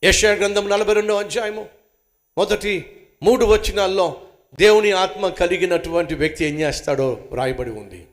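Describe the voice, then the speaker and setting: A man preaching a sermon, emphatic, asking rhetorical questions and answering them himself, swinging between loud outbursts and hushed asides. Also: high voice, moderate pace.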